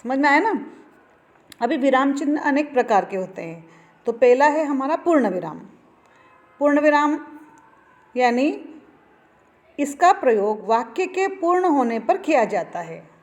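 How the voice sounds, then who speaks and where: A woman with a fairly high voice gives a lesson to children. She explains patiently, pausing over examples and asking if they follow. It sounds like a simple recording made on a phone. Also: very animated. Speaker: teacher. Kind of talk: classroom lesson.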